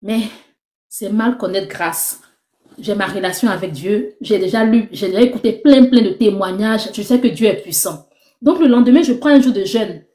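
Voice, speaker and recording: A young woman giving a lively personal faith testimony, acting out the conversations she tells. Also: medium pitch, moderate pace. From Ivory Coast. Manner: animated storytelling, acting out dialogue. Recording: roomy echo.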